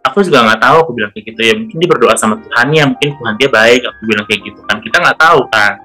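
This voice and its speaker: A man's voice: medium pitch, racing, sharp tone, soft background music. A man giving a casual spoken testimony, chatty, with frequent retelling of what he said and heard. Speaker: testimony speaker.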